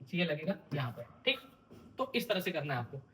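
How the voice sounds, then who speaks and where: A young man lectures on chemistry for exam prep, firing questions at his students and answering them himself. His voice sits high and sounds bright and sharp, with a teasing, informal edge. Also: sing-song, fairly quick. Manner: quizzing, repeating questions to students. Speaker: chemistry teacher.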